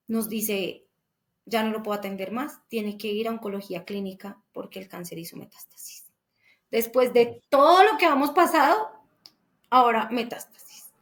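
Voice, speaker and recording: A woman tells her father's illness story as a heartfelt, faith-filled personal testimony, often restarting her phrases. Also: on the high side.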